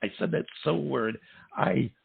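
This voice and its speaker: A man hosting an awards show interview, chatting casually with rambling asides in a gravelly, raspy voice. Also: a little high, unhurried, no room sound. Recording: tinny phone-like line.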